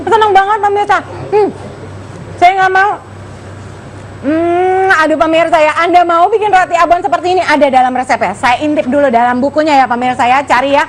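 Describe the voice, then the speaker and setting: A woman hosting a live infomercial, gushing excitedly as she pitches straight to the viewers. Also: brisk, a little hiss or hum. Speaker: home shopping host.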